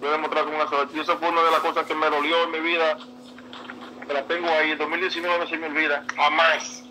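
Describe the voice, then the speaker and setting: A man's voice: on the high side, little pitch movement, fast talker, pushed and bright, a little hiss or hum, rough recording. A man talking as a baseball player guest in a casual interview, earnest and emotional, often repeating himself. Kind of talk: casual interview, heartfelt storytelling.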